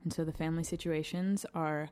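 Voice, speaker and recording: A woman's voice: sits low, flat delivery, brisk, mellow, slight background noise. A young woman from Wisconsin talking casually and candidly, with lots of fillers and the odd swear word. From Madison, Wisconsin. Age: young adult. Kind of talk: casual chat.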